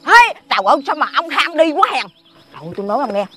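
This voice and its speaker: A busybody village cake seller talks, exclaiming and insisting. Her voice sits high and bright, leaping all over in pitch. Soft music plays underneath. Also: big pitch swings, very fast, a little hiss or hum. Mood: insistent. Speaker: village woman selling sticky rice cakes. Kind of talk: TV folk-tale drama acting.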